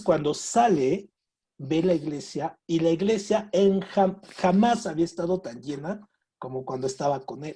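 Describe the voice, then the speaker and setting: A man's voice: fairly high pitch, a little mellow, husky. A man giving an informal cultural workshop lecture, telling stories animatedly with frequent tag questions.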